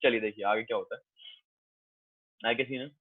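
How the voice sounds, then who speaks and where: This commerce teacher has a mid-range voice with a breathy edge and fairly even intonation, and he talks a little fast. He lectures the class in a coaxing, reassuring manner, calls students "beta," and repeats points often, recorded dry and tinny like a phone with no room sound.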